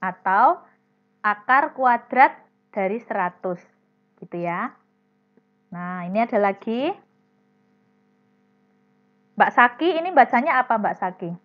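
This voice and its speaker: A woman with a fairly high voice teaches a primary class over a video call, patiently walking the pupils through each step and calling on them by name. The audio is dull and lo-fi, with a faint mains hum under it. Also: animated, takes it slowly, pauses often. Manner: patient, explains step by step, calls students by name.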